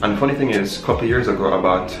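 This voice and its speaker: A young Caribbean man with a lowish voice talks casually to his followers in slangy vlog style. He is in a gym locker room, so the sound is echoey, and music plays behind him. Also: rapid-fire. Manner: slangy, conversational. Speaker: vlogger. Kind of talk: casual vlog chat to viewers.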